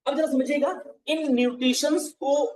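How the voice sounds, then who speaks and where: A man's voice: very high voice, steady tone, normal speed, a little mellow, far from the mic. A man giving a live farming training, explaining step by step and checking often that viewers follow. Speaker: agriculture trainer. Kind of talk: live online teaching session. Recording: echoey room, voice set back from the mic.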